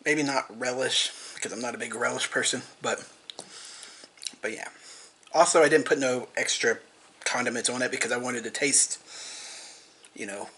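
A man's voice: medium pitch, sharp tone, breathy edge. A young man casually rambling in a food-tasting vlog, repeating himself and talking with his mouth full. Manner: rambling, repetitive, eats and talks with mouth full. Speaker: vlogger.

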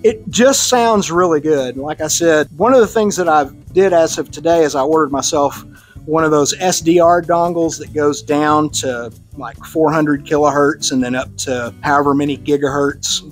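In a club meeting room, a Texan-accented man gives a relaxed, conversational technical talk on radio antennas to a radio club, using easy fillers and restarts. His voice is fairly high in pitch at a moderate pace. Faint music is audible behind him.

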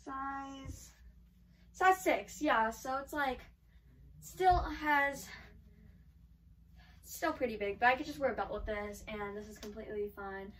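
A chatty woman vlogger talking through a clothing try-on, her speech full of "like" fillers. Her voice sits fairly high, and she is heard from a little way off the mic. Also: a little slow, pauses often, a bit bright, far from the mic, a little hiss or hum, rough recording. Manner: chatty, filler-heavy with frequent "like". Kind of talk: casual try-on haul chat. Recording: voice from away from the mic.

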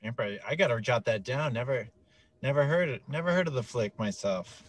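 A man's voice: mid-range voice, lively intonation, fairly quick. A man co-hosting a podcast, joking, laughing and rambling in casual chat. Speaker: podcast co-host.

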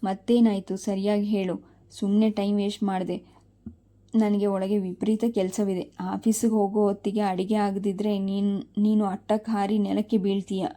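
A woman voicing a busy middle-aged mother who scolds her daughter in a flat, dark, mellow voice. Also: medium pitch, moderate pace, lightly acted. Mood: anxious. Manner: impatient, scolding.

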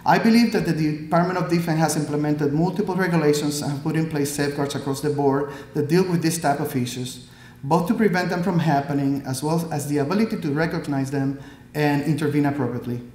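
An earnest Army pathologist from Puerto Rico, in his thirties, reads a prepared speech at a podium mic as a guest speaker, measured and dropping an occasional filler. The voice is a little high for a man and a little mellow, and the hall has a clear echo.

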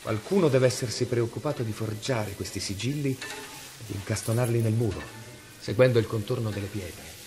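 A stern medieval inquisitor is voiced by an actor in a radio drama, reading from an old book in a measured, brooding way. His pitch sits fairly low.

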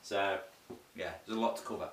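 A man's voice: low voice, steady tone, a little fast, fairly bright tone, slight background noise. A man teaching a casual saxophone lesson, chatty and self-deprecating, explaining step by step. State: has the hiccups. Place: room with a board. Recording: roomy echo, heard from a distance.

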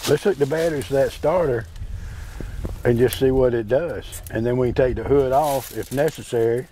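A man's voice: medium pitch, normal speed, mellow, slight background noise. A man bantering casually outdoors, making dry jokes in an easy drawl. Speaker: mechanic friend.

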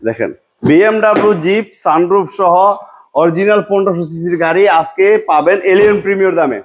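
A male car vlogger with a Bangladeshi accent presents used cars in a promotional, salesy way. His pitch is high for a man and his pace is very quick, with prices and features echoed back to viewers. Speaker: car vlog host. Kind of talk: promotional showroom vlog presenting.

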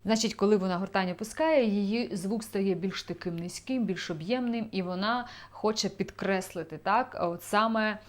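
A woman's voice: mid-range voice, moderate pace, hardly any pauses. Enthusiastic woman vocal coach explaining. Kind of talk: video lesson on singing technique.

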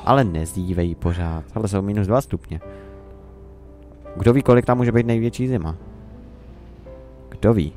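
A man's voice: lowish voice, long pauses, dark tone, faint music behind. A young Czech man rambling and musing to himself in casual gameplay commentary. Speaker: let's play commentator.

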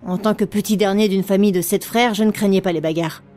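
A woman narrating a fantasy audiobook at a middle pitch, with even, expressive storytelling. Soft music plays quietly underneath her reading. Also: quick pace.

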